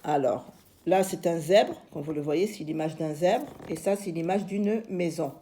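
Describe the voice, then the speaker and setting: A woman teaching young children to read, slowly repeating each word with patient explanations. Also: fairly low pitch, warm tone, slight background noise. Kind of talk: phonics lesson for young children.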